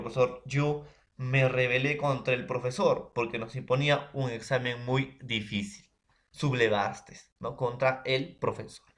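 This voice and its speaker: A man, from Peru, presenting a lesson in class in a halting way, stopping often to address the teacher and classmates and to check they follow. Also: medium pitch, a bit bright. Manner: keeps addressing teacher and classmates between phrases; halting, many fillers and checks for understanding.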